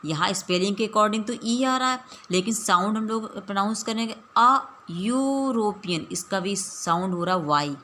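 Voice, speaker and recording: A woman teacher explaining a grammar lesson patiently, mixing languages and repeating slow example sentences. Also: mid-range voice, animated, a bit bright, a little hiss or hum. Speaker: English teacher.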